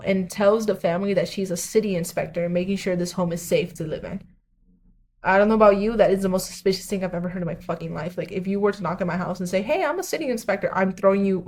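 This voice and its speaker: A woman giving a profane, rambling, unscripted talk about a comic with many restarts. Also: lowish voice. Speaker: video creator.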